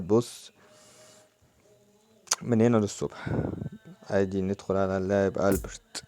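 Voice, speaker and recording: Young Egyptian male gamer, low mellow voice, excitable play-by-play chatter. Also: no room sound. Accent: Egyptian Arabic. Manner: excitable, muttering prayers and groaning over pack openings. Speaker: mobile football gamer. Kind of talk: casual gaming commentary.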